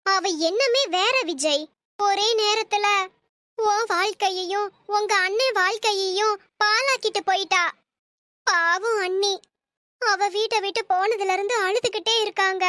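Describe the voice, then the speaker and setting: A woman voicing a shrill scheming cartoon mother. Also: measured pace, bright, forceful tone, no room sound, studio quality, heavily acted. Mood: scolding. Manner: scolding, lecturing, fake tearful pleading. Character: stern scheming middle-aged mother, manipulative. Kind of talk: cartoon story voice acting.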